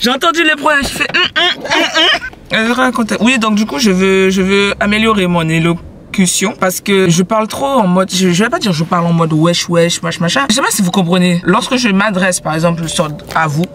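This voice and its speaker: A woman's voice: mid-range voice, brisk, a little hiss or hum. A woman from French Guiana, vlogging, chatting casually in a rambling, playful way. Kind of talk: casual chat with a friend and the camera.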